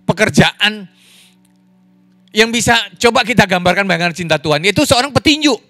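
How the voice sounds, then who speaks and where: A man preaching a lively sermon as pastor, in an online church service, joking and laughing with the congregation. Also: brisk, no echo, faint music behind. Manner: animated, wide pitch swings, jokes and laughs.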